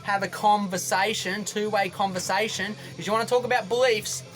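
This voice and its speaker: A man's voice: high-pitched, steady tone, a little fast, a bit bright, faint music behind. Ranting Australian man on a boat. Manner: rambling, repetitive, combative. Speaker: vlogger. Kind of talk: ranting monologue to camera. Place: on a boat outdoors.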